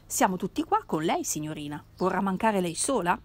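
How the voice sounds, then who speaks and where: An older father lecturing his daughter with earnest conviction, voiced by a woman reading a novel aloud. The delivery swings up and down in pitch, insistent and explanatory. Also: very animated, fairly quick. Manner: sighing, lecturing.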